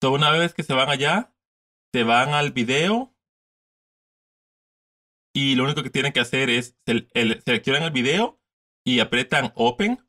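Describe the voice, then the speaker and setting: A man's voice: mid-range voice, expressive, unhurried, pauses often, bright, forceful tone. A man in his thirties giving a casual step-by-step screen tutorial from his desk, repeating steps and mixing in English words. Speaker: tutorial host.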